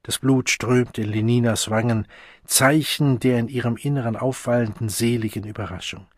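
A man narrates an audiobook in a measured, even manner. His voice is slightly husky and sits mid-range. The recording is dry and close. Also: medium pitch, no room sound.

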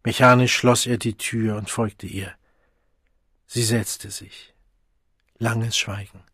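A man narrating an audiobook in a measured, even storytelling manner. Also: lowish voice, breathy edge, dry recording, clean studio sound.

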